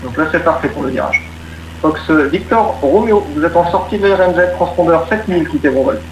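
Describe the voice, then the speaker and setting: Fairly quick and a little high in pitch, this man serves as an air traffic controller, courteously relaying procedural instructions and explanations by radio. The sound is muffled and roomy, with a faint noise floor.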